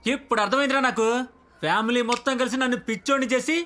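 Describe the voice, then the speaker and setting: A suspicious creditor friend fires off accusations at a very high, rapid clip. His voice is bright and sharp, and he is quick-tempered in every line of this film dub. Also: slight background noise. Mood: accusing.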